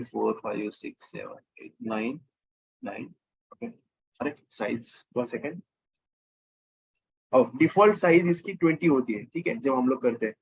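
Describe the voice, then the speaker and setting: A man's voice: medium pitch, husky, highs cut off. A man teaching a casual coding lesson over his screen, thinking aloud and correcting himself as he goes. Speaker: programming teacher.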